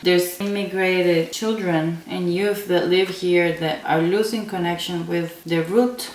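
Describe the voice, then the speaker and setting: A woman from Central America answering interview questions, slow and thoughtful, often pausing with ums. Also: fairly low pitch, steady tone, a little mellow. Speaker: interviewed designer. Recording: echoey room, mic at a distance.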